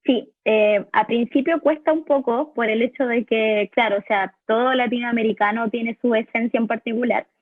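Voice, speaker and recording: A woman's voice: a little high, steady tone, normal speed, few pauses, no room sound. A voice actress from Chile with a Chilean accent, answering interview questions from her home recording room in a hesitant way, often restarting and repeating words. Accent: Chilean Spanish. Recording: tinny phone-like line, dry.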